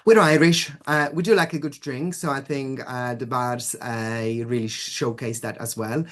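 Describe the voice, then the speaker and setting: A man's voice: mid-range voice, fairly even intonation, moderate pace, fairly bright tone. A man giving an upbeat sales presentation over a video call, with audio that breaks up at times and a lot of glowing adjectives. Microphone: computer mic on a video call.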